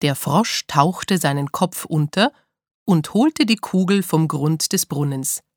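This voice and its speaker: A woman narrates a fairy tale in a clear, expressive reading voice. Her voice sits somewhat low. The recording is close and dry, with no room sound. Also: slow, dry recording. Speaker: storyteller. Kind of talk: storybook reading.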